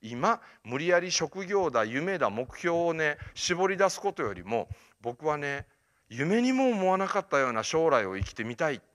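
A man's voice: a little high, big pitch swings, normal speed, fairly bright tone. A man voicing a blunt, fatherly older mentor with a Kumamoto dialect, quoted within a storytelling lecture. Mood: encouraging. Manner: blunt, rough-edged, lecturing.

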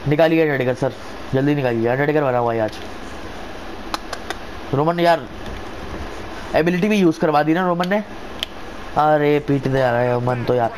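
A man with a slightly high voice gives excited, casual commentary on a wrestling video game, calling each move like an informal wrestling announcer and often repeating short phrases. He speaks at normal speed with frequent pauses, over faint background noise.

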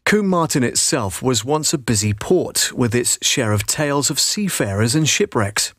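A middle-aged man with an average male pitch narrates a promotional script as a measured yet animated storyteller. He was recorded on a close booth microphone, so the sound is dry with no echo, like a voice-over booth.

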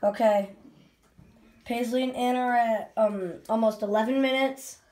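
A young female with a fairly high voice talks casually from behind a phone camera. She runs the challenge and gives updates in a small bathroom. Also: steady tone, normal speed, loud music behind the voice. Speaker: camera operator running the challenge. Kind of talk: casual vlog chat. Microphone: handheld phone, close by.

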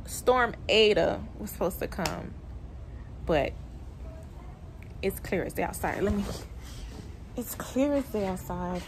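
A woman's voice: medium pitch, gravelly, noisy background. Chatty young woman vlogging on the go. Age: 20s. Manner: chatty, rambling, with fillers and restarts. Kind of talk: casual vlog chat. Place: on the go, outdoors and in a car.

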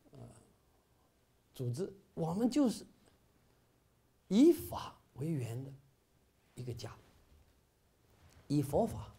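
A man's voice: fairly high pitch, dark tone. A middle-aged man giving an informal Buddhist talk to fellow volunteers, full of "ah" fillers and rising to emphatic peaks. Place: bookstore meeting hall.

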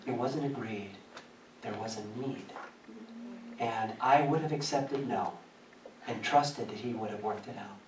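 A man preaching a sermon, telling a personal story in a lively way and often laughing as he speaks. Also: lowish voice, a little slow, pauses often, slight background noise. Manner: animated, laughing through his story. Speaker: pastor. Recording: echoey church from a distance.

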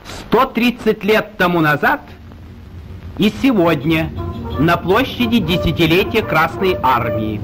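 Guy reading an old 1930s newsreel, high lively voice, very formal and solemn. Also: measured pace, soft background music. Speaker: newsreel narrator. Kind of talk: 1930s Soviet newsreel narration.

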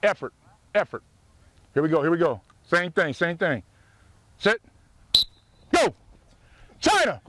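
High-pitched man yelling from the sidelines. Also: expressive, moderate pace, pauses often, a little hiss or hum. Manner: clipped, repetitive commands. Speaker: American football coach. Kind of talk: drill instructions on the practice field. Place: outdoor football field.

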